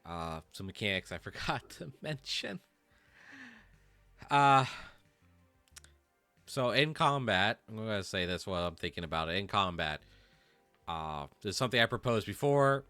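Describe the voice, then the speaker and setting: A man running a tabletop game as game master, talking casually and haltingly with many fillers. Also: fairly low pitch, lively intonation, fairly bright tone, smooth, dry recording, soft background music.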